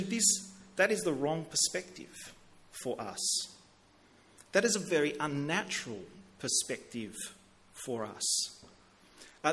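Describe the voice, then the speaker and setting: A man's voice: on the high side, fairly bright tone, a little hiss or hum. A middle-aged man preaching a sermon in a conversational way, often repeating words as he starts a sentence. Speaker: pastor.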